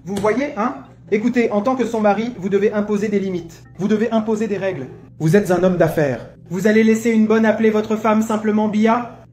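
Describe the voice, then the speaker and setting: A man's voice: sits high, steady tone, brisk, faint music behind, natural voice. An actor playing a grumpy, bossy old father who lectures everyone and never stops complaining. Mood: lecturing. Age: older. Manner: overbearing, lecturing, loud complaints. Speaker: visiting father.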